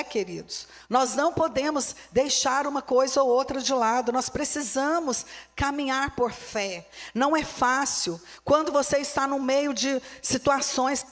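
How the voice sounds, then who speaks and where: Her voice sitting high, a Brazilian woman pastor with a Brazilian Portuguese accent delivers a sermon in a church hall, where the sound rings with long reverb. She preaches with fervor and emphasis, hammering her main phrases through repetition.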